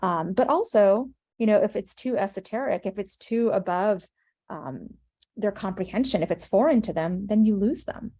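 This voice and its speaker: Speaking at a normal speed with a warm, medium-pitched voice, this woman from the United States is a screenwriter and playwright being interviewed. Her answers are thoughtful, earnest and reflective, delivered with an American accent.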